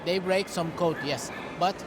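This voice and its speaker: A man's voice: high-pitched, a little slow, background noise. A man from Costa Rica, a longtime dog breeder, giving earnest interview answers outdoors and often restarting words.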